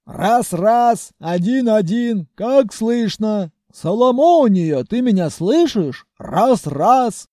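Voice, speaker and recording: A man reading an audiobook, voicing a pompous, boastful male suitor who blusters loudly. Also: high-pitched, lively intonation, unhurried, hardly any pauses, no echo, clean studio sound.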